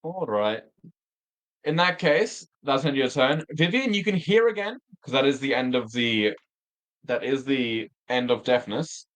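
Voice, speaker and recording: A man narrates as game master in a tabletop game, wry and laid-back. His voice moves a lot in pitch, at a middling height. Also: expressive, a little slow, fairly bright tone, rough recording.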